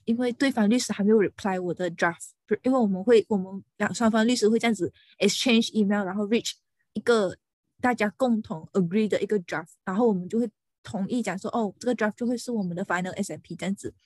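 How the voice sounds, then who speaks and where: On a casual podcast, a young woman lawyer vents about work, talking fast and animatedly while dropping English words into her speech. Her voice is mid-range, and there's no echo.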